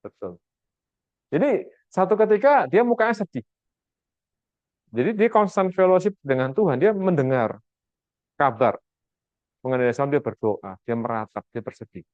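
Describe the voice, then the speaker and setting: Lively man teaching a Bible class. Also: fairly high pitch, normal speed, pauses often, no echo. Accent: Indonesian. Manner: lively, quizzes students, acts out quotes. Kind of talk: teaching a Bible class over a video call. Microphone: video call. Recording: dull lo-fi video call audio.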